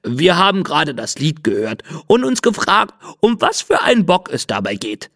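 A man's voice: fairly high pitch, huge pitch swings, normal speed, a bit bright, no room sound, studio quality, full character voice. A man voicing a bold, friendly male insect in a storybook reading, easygoing.

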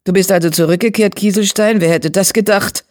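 A narrator voicing a broad-shouldered tomcat on border patrol, gruff, loud and hostile toward strangers. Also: medium pitch, steady tone, a little fast, voice pushed up, close to an everyday voice. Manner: loud, challenging, growly. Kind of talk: audiobook character voice.

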